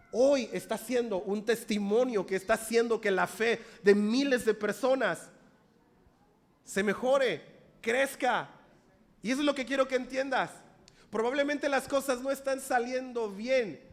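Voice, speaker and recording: A male pastor, preaching a sermon and having the congregation repeat phrases after him. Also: high voice. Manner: shifts between quiet prayerful talk and loud exhortation.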